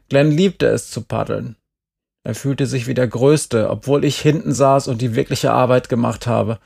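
A bitter teenage girl in an audiobook who speaks flatly and cuttingly, as a man reads her lines. The voice is gravelly and sits at an ordinary pitch, matter-of-fact even when the words hurt. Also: lightly acted. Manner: flat, cutting delivery. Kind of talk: audiobook character reading.

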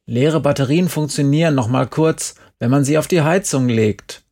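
A man's voice: a little high, moderate pace. A man reading the lines of a tough, brash teenage girl who talks bluntly and bossily. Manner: blunt, loud, bossy.

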